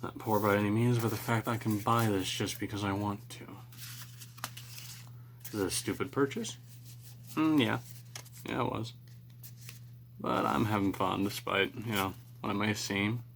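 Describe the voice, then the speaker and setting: Low-pitched man rambling casually, noisy recording. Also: a little slow, gravelly, pauses often, a bit bright. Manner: rambling, self-deprecating musing. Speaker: video host opening card packs. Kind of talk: casual unscripted chat. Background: cards being shuffled.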